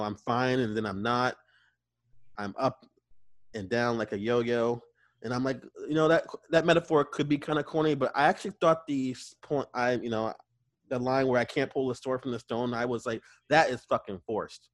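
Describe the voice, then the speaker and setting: A man's voice: mid-range voice, no room sound. A man hosting a casual album review, chatty and profane, laughing between remarks. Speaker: album reviewer and show host. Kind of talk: casual music review chat.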